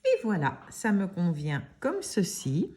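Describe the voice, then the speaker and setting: Une femme qui anime un tutoriel de nail art et explique calmement chaque étape, avec des hésitations naturelles. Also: female voice, lowish voice, music in the background. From Belgium. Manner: calm, unhurried, explains each step softly. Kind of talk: casual step-by-step demonstration.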